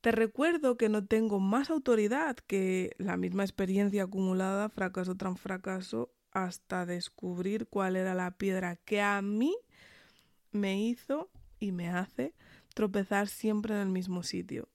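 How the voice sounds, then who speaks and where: A woman with a Spanish accent hosts a podcast, delivering an earnest, encouraging motivational monologue straight to the listener while sick with tonsillitis, a fever, and a sore throat. Her medium-pitched voice is steady, unhurried, and a little mellow, recorded in a clean studio with no echo.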